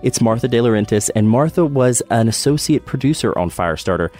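A man hosting a podcast, reading a measured scripted narration and then asking a guest friendly questions. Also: medium pitch, expressive, a little mellow, soft background music. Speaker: podcast host.

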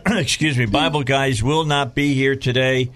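A man's voice: mid-range voice, steady tone, unhurried, a bit bright, dry recording, studio quality. A man with a Southern US accent hosting a casual talk radio show in a folksy way, often repeating phrases as he goes.

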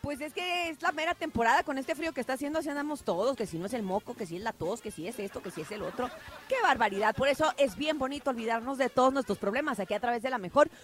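A woman co-hosting a morning radio joke show, lively and teasing. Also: sits high, quick pace, hardly any pauses. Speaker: radio co-host. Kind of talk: joking radio banter.

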